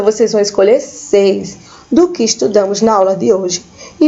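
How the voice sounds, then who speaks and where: A woman's voice: fairly high pitch, dark tone, muffled recording. A woman teaching a school lesson, patiently repeating each word for her pupils. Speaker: Spanish teacher.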